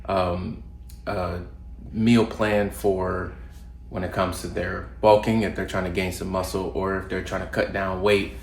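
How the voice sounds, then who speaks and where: Sounding a little stuffed up from a cold, a young fitness vlogger offers casual advice to camera in a low voice with vocal fry, at a measured pace. He's relaxed and loose, with plenty of ums, fillers and restarts. The roomy home recording carries faint ambience and a slight hiss or hum.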